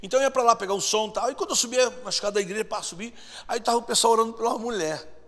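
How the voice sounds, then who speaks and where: A man preaching a lively storytelling sermon, acting out voices and shouting at times. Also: extremely high pitch, very fast. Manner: animated, acts out voices and shouts. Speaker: pastor. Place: church sanctuary. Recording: long church hall reverb.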